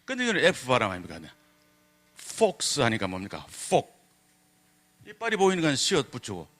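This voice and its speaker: Animated man giving a lecture. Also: medium pitch, moderate pace. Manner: rhetorical questions, demonstrates sounds. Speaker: public lecturer. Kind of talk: public lecture on Korean script.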